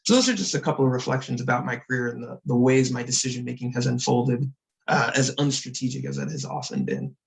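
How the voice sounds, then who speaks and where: A man speaking on a panel about his career, in a reflective, measured way. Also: medium pitch, steady tone, gravelly, low-quality recording. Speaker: panelist, consultant. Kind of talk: panel discussion.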